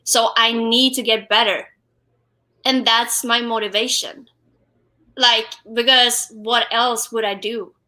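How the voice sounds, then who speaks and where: A young woman with a Swedish accent speaks in a bright, somewhat high voice. She is a drummer in a casual live-stream interview, and her talk halts often on fillers and restarts. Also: fairly even intonation. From Sweden. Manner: halting, many fillers and restarts. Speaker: guest drummer. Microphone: wireless headphones.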